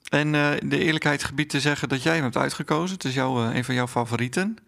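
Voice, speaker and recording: A man with a gravelly, fry-touched voice at a middle pitch. He chats easily with his co-host, then reads a fairy tale aloud at a calm, measured pace. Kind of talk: conversational chat and storybook reading aloud.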